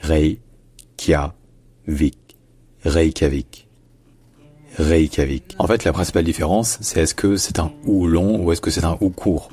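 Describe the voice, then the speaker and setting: Male teacher, very low and husky, patient explainer who drawls out example words. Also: steady tone, dark tone. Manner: patient, slows down to model words. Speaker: pronunciation teacher. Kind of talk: explanatory lesson.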